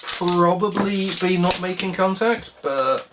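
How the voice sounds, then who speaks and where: A vlog host offers casual, hands-on repair commentary in a slow, mid-range voice, rambling and wryly musing while putting questions to themselves. Background noise is audible.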